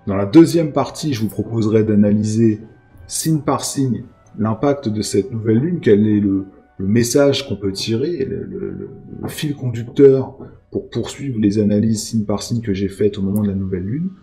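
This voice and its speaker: A man's voice: lowish voice, big pitch swings, moderate pace, mellow, faint music behind. A man giving a spoken astrology lesson, explaining at length with frequent fillers and tags like "hein".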